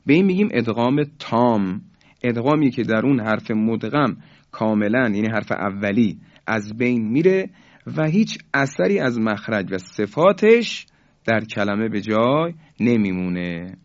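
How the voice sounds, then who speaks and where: A man teaching the rules of Quran recitation, explaining patiently and repeating example words slowly with emphasis. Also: lowish voice, animated, dry recording, muffled recording. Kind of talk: religious lesson on recitation rules.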